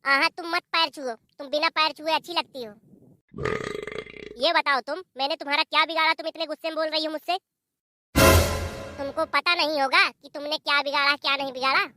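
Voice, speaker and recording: A woman's voice: high-pitched, steady tone, fairly quick, pauses often, soft background music, close to an everyday voice. A woman voicing a fiery young married daughter in a village cartoon, scolding in a confrontational tone with a Bundelkhandi Hindi accent. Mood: indignant.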